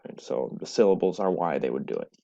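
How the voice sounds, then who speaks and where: A man's voice: low voice, animated, fast talker, gravelly, mellow, lo-fi sound. A man teaching a recorded classroom lecture, explaining step by step and checking in with "right?". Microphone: webcam.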